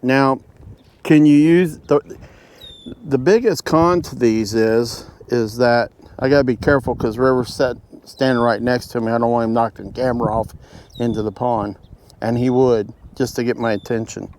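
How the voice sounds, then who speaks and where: A man giving a casual, halting, folksy fishing tutorial to camera, explaining things step by step. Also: medium pitch, fairly even intonation, a little mellow. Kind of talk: casual instructional talk to camera. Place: outdoors at home beside a pond. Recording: outdoor ambient road noise. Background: road noise.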